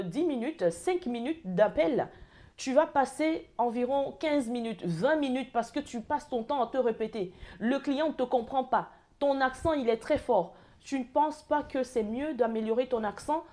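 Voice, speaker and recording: A woman with an accent and a voice on the high side talks straight to the viewer in an advice vlog. She lectures earnestly, halting often on fillers and restarting her phrases. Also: a little mellow. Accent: speaks with an accent of her own. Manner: hesitant, with frequent fillers and restarts. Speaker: call center advice creator, former recruiter. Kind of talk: direct-to-camera advice vlog.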